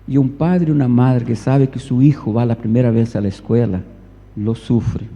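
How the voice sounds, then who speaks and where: A man's voice: medium pitch, fairly even intonation, normal speed, warm tone. A man preaching a sermon in a church hall, telling a story and repeating phrases for emphasis, recorded with a reverberant, dull lo-fi sound.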